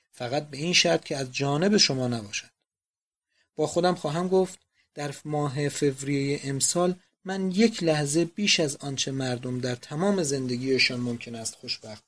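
A man's voice: mid-range voice, natural voice. A man voicing a doting, emotional old father, speaking fervently and effusively.

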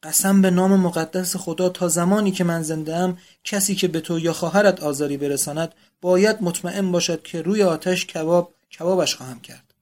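A man's voice: fairly high pitch, darkish tone, natural voice. A man voicing a desperate old father. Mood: anguished. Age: older. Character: anguished elderly father, doting and desperate.

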